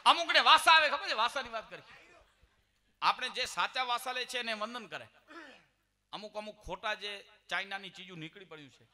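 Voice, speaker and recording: A Gujarati comedian tells jokes to a live crowd, acting out the other people in his stories as he goes. His voice sits high and rings bright and cutting. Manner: storytelling with quoted dialogue, addresses audience directly. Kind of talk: live stand-up joke telling.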